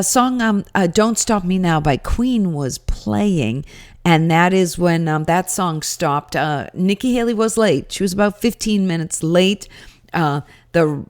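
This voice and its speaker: A woman with a slightly low voice delivers casual commentary as a personal recap. She is chatty and opinionated, with a wry edge to the way she talks. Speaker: rally attendee giving commentary.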